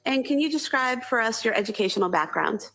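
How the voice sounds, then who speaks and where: A woman's voice: on the high side, expressive, a little fast, a bit bright, rough recording. A woman attorney putting formal questions to a witness in a courtroom.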